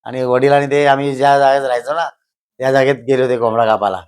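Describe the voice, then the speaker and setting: Older man, smooth even voice, slow storyteller who repeats himself. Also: medium pitch. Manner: slow, repeats phrases for emphasis. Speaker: guest, host's father. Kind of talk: casual storytelling.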